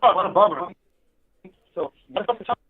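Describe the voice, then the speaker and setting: A man calling on a prison phone line with choppy, garbled audio that sounds underwater, talking excitedly and swearing freely. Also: sits high, brisk, slightly rough, no echo. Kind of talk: casual phone chat mixing in Spanish. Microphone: prison phone handset.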